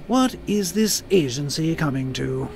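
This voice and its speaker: An actor playing a smug, mocking villain in a video game, with theatrical, drawn-out taunts. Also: male voice, fairly high pitch, expressive, gravelly, darkish tone, faint music behind. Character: smug taunting male villain watching a captive agent. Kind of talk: video game character acting.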